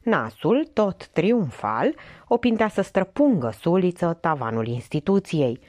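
Woman audiobook reader, expressive, animated delivery, mellow. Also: lowish voice, no echo, clean studio sound. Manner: expressive, lively reading. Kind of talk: audiobook narration.

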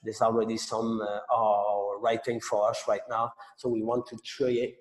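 A man from Montreal, a native French speaker with a Quebec French accent, hosting an online masterclass and speaking haltingly with many fillers and restarts. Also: lowish voice, level tone. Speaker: sake masterclass host. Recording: roomy echo with long reverb.

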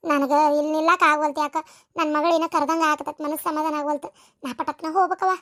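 A woman's voice: sits high, steady tone, fast talker, fairly bright tone, no echo, studio quality. A woman with a North Karnataka Kannada accent playing an anxious older village grandmother in a rural family drama, fretting and repeating her unease. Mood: uneasy.

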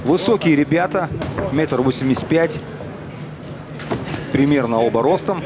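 A man commentating live on boxing in a conversational way. His voice sits a little high, and loud music plays behind him. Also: expressive, unhurried.

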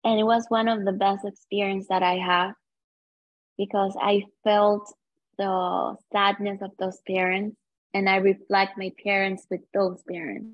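A woman, talking slowly and earnestly in an interview, often stopping and searching for words. The recording is dry and a little dull. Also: medium pitch, level tone, no room sound. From Cuba. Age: 30s. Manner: earnest, halting non-native English with many fillers. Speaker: guest. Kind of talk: personal storytelling interview.

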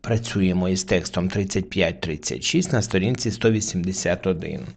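Guy teaching french word by word, deep gravelly voice, patient and slow. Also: darkish tone. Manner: slow, patient explaining with pauses. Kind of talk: word-by-word reading lesson.

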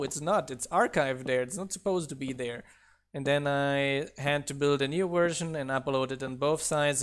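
A mod developer with a medium-pitched voice, whose first language isn't English, chats casually while building during a live game stream. He counts blocks aloud and laughs at his own mishaps.

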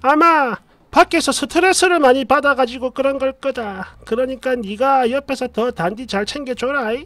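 A man voicing an older mother-in-law who calmly brushes off a complaint. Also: very high-pitched, moderate pace, no room sound, pitched above the performer's own voice. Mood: dismissive. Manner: brushing off, matter-of-fact.

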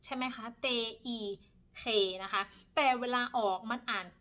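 Woman teacher, thirties, patient pronunciation drill with a slightly high voice. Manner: slow, repeats each word several times; polite, ends phrases with soft particles. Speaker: language teacher. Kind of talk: pronunciation lesson.

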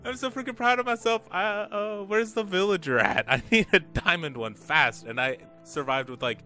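A young man hosting casual gameplay commentary, joking and laughing often, with excitable bursts. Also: sits high, normal speed, soft background music. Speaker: gaming channel host.

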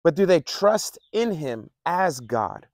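A man's voice: on the high side, very animated, slow pace, no echo. Man, pastor, loose chatty sermon, repeats himself, dry close sound. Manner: conversational, repeats phrases, chuckles often. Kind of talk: casual sermon.

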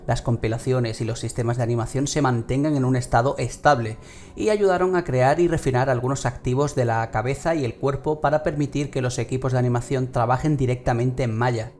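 A man with a Spain Spanish accent, hosting a gaming channel and reading a monthly news report in a steady way with casual fillers. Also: mid-range voice, fairly quick, a little hiss or hum. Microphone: home studio microphone. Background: background music.

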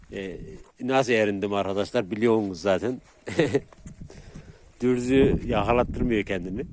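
A man casually vlogging outdoors on farmland with his dogs, chatting to viewers and jokingly shouting at the animals. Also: lowish voice, no room sound. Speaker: dog breeder and vlogger. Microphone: phone camera.

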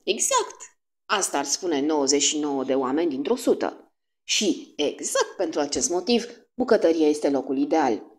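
In a storybook reading, a woman with a low, darkish voice and lively intonation plays a fussy, vain middle-aged male detective who is theatrical and fond of French exclamations. The mood is triumphant.

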